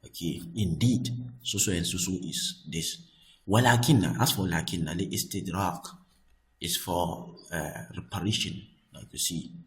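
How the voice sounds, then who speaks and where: A man's voice: sits low, measured pace, low-quality recording. A man teaching Arabic grammar in English, explaining a classic text and often restarting his phrases and repeating words.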